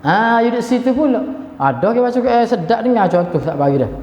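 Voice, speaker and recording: This Quran teacher's voice is extremely high and very animated, fairly quick, with a darkish tone and a Kelantanese Malay accent. He chats through the class and chants short passages to illustrate recitation, heard in an echoey hall on dull lo-fi audio.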